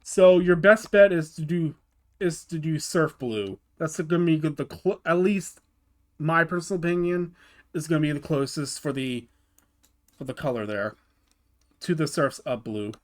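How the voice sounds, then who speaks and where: A man's voice: fairly high pitch, moderate pace. A man hosting his gaming channel, talking through a car build in a casual tutorial voice-over, often stopping to restart and repeat words.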